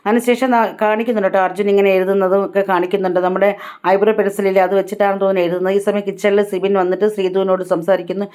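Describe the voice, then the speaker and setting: A woman's voice: medium pitch, level tone, very fast, a little mellow, smooth. A woman vlogger giving a chatty, casual recap of a reality show episode, retelling who said what. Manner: chatty, tag-heavy retelling.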